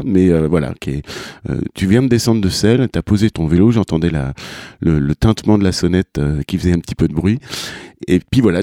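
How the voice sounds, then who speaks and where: Brief: male podcast host, very low and dark voice, rambling with fillers and restarts. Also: no echo, studio quality. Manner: rambling, many fillers and repeated words. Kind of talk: casual interview chat.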